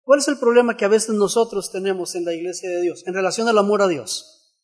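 High-voiced man preaching with emphatic repetition. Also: brisk. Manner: emphatic repetition and rhetorical questions. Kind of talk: sermon.

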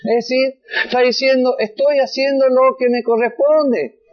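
A man preaching a sermon, addressing the congregation and rising in pitch and volume as he reads scripture aloud. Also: steady tone, unhurried. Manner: rises in pitch and volume when reading scripture, many restarts. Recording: dull lo-fi sound.

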